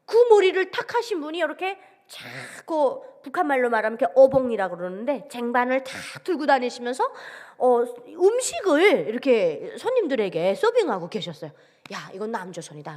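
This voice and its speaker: A woman's voice: fairly high pitch, sing-song, brisk, darkish tone. A woman from North Korea giving a storytelling testimony as guest speaker at a church, acting out the dialogue as she goes. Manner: vivid storytelling, acts out quoted dialogue. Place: large church sanctuary. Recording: long reverb of a church hall.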